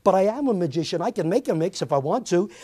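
A man's voice: high-pitched, animated, fast talker, dark tone, faint music behind. A man performing as a magician, giving playful showman's patter and step-by-step instructions for a card trick.

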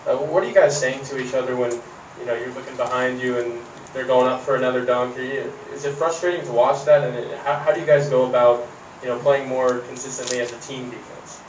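A male sports reporter asking plain, measured questions at a press conference. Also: medium pitch, steady tone. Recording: echoey room from a distance, faint hum.

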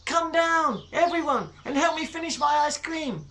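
A man putting on a spirited little girl from a storybook, high and childlike, with an eager manner. Her voice is bright and lively. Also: normal speed, a little hiss or hum, full character voice. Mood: calling out.

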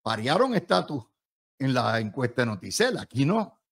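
A man's voice: mid-range voice, sing-song, normal speed, creaky. A man with a Puerto Rican accent giving emphatic, combative and sarcastic political commentary as an analyst.

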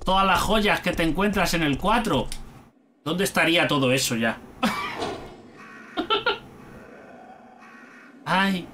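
A man's voice: a little high, moderate pace, noisy background. A man with a Spain Spanish accent giving chatty let's-play commentary, swearing freely and talking to himself. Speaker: gaming youtuber.

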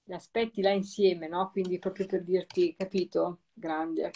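A woman hosting a live-streamed talk, who explains replayed recordings in a repetitive, emphatic and warmly reassuring way. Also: on the low side, steady tone, unhurried, slight background noise. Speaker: host.

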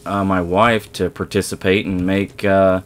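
Low-voiced guy narrating his survival game run, rambly, keeps restarting sentences. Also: flat delivery, measured pace. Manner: rambling, self-correcting, talks to viewers while playing. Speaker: let's play host. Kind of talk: casual gameplay commentary.

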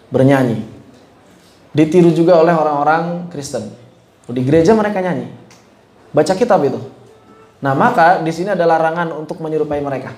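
A Quran recitation teacher runs an informal religious lesson, chatting casually and often pausing to put questions to the class. His high, darkish voice echoes noticeably around the room. He shifts smoothly between everyday talk, careful explanation, and chanted Arabic.

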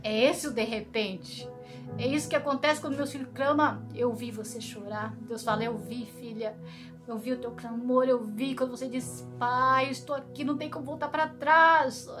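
A woman's voice: sits high, fairly even intonation, moderate pace. A Brazilian woman preaching a prophetic sermon with fervent, repetitive phrasing that rises into pleading prayer, with music playing behind. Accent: Brazilian Portuguese.

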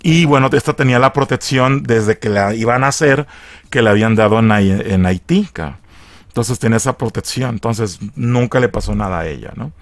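A man's voice: mid-range voice, brisk, no room sound. A man with a Mexican accent casually recapping a film, profane and mocking in a chatty way. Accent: Mexican Spanish. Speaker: film reviewer.

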